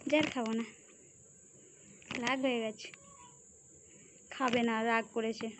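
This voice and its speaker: A woman's voice: a little high, fairly even intonation, a little slow, background noise. A woman talking sing-song baby talk to her pet, coaxing it and repeating her words. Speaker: pet owner filming her pet.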